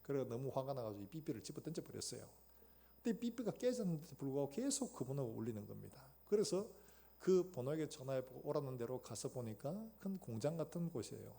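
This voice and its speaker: A male pastor preaching a sermon, retelling a story and acting out its quoted lines with sudden loud bursts. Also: mid-range voice, creaky. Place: church sanctuary.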